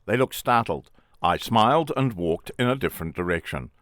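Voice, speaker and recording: A middle-aged man reads his memoir aloud, his very low voice rising and falling with lively movement. The telling is plain and wryly matter-of-fact, recorded close and dry with no room sound. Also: normal speed, no echo. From England. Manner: plain, wry first-person storytelling. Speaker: memoir author and narrator.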